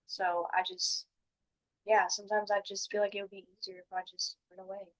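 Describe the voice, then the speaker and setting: Woman doing a down-on-her-luck client in therapy role play, downcast n halting, mid pitch. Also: level tone, natural voice, low-quality recording. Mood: hopeless, hesitant. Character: dejected jobless, homeless woman confiding in a counselor. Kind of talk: mock counseling session.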